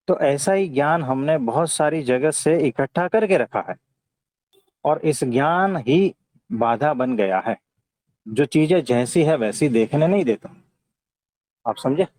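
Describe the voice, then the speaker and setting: A man with an Indian accent giving a conversational spiritual discourse, teaching in a calm, gentle way and often checking for agreement. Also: a little high, takes it slowly, long pauses, no room sound, low-quality recording. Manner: didactic, often seeks agreement with short tag questions. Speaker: spiritual teacher answering devotees' questions.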